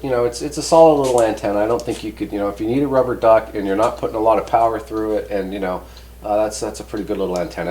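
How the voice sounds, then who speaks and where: Fairly low in pitch and darkish in tone, this man hosts a relaxed hands-on product review, talking in a rambling, folksy, easygoing style. The sound is echoey and roomy, with a far mic and background noise.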